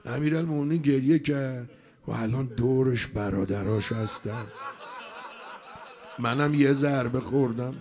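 A man preaching a mourning sermon, emotional, swinging between loud cries and hushed lines. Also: medium pitch, long pauses.

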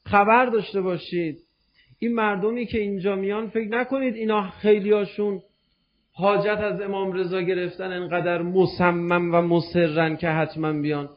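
A man's voice: high voice, steady tone, muffled recording. A man preaching a religious storytelling sermon, emotive and addressing his listeners directly.

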